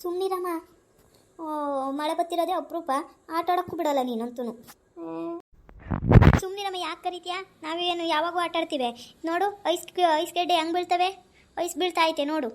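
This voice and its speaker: A woman doing a cheeky little kid, high-pitched. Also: steady tone, brisk, long pauses, slight background noise. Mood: pleading, excited. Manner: pleading, teasing, talks back. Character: cheeky young child, defiant and playful. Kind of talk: comedy skit.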